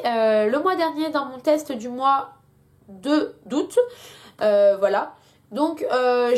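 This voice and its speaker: A young woman chatting casually in a beauty product review, full of hesitations, while she has a headache. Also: high voice. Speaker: beauty vlogger.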